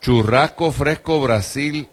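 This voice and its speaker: A man's voice: medium pitch, takes it slowly. A man hosting a show, joking with guests and reading live ads in a playful way. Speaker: host. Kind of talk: radio-style chat and live ad reads.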